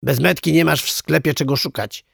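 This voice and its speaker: A big, self-important orangutan toy from a storybook, played by the narrator barks blunt questions a little louder than the narration. The voice is gravelly and husky, recorded dry and close. He sounds proud and bossy throughout. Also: mid-range voice, a little fast, dry recording. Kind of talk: storybook reading.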